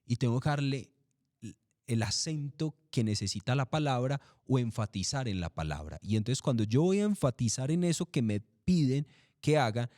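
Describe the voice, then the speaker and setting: A middle-aged man, a commercial voice-over artist talking in an interview, relaxed and repetitive, asking and answering his own questions. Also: medium pitch, normal speed, no echo, clean studio sound. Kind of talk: interview, casual explanation.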